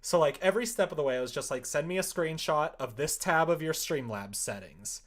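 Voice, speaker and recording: Telling a meandering story in livestream chat, this streamer acts out the back-and-forth with exasperation. He speaks fairly quickly in a slightly high voice.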